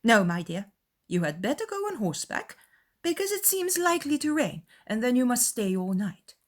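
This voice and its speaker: Woman playing a high, fussy, gushing mother. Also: big pitch swings, normal speed. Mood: scheming, insistent. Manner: exclamatory, eager, insistent. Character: excitable, fussy middle-aged mother, gushing and scheming.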